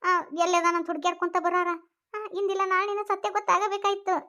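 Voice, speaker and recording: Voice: extremely high pitch, level tone, fast talker, bright, forceful tone, full character voice. A voice actor playing a consoling elder sister in a village, with a North Karnataka accent. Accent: North Karnataka Kannada. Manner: soothing, coaxing.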